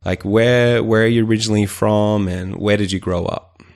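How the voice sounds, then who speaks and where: A man's voice: lowish voice, fairly even intonation, normal speed. A man hosting a podcast, greeting his guest with enthusiasm and asking curious questions. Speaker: podcast host. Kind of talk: podcast intro and interview. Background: loud music during intro.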